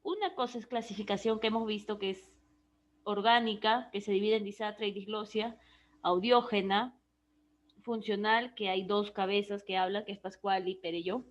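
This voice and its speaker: A woman's voice: mid-range voice, muffled recording. A woman teaching a speech therapy class, explaining terms and checking that students follow. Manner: explanatory, checks understanding with frequent "¿ya?". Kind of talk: online class lecture.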